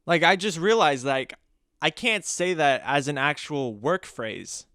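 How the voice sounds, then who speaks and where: A man's voice: a little high, animated, measured pace, pushed and bright, dry recording, clean studio sound. A young man hosting a podcast alone, rambling in a jokey, self-mocking way. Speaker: podcast host. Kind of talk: casual solo podcast chat.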